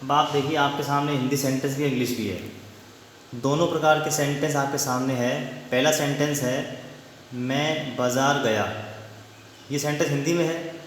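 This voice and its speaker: A man's voice: on the high side, steady tone. Man teaching grammar in an echoey room. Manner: repeats question-and-answer prompts, slows to dictate examples. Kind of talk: classroom grammar lesson. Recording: very echoey room with long reverb, faint hiss.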